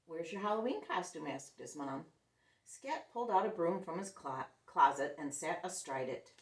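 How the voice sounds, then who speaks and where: An unhurried, low-pitched woman tells a picture-book story to young children, voicing the characters with expression and asking them questions. She is a children's storyteller, recorded through a far-off microphone in a space with roomy echo.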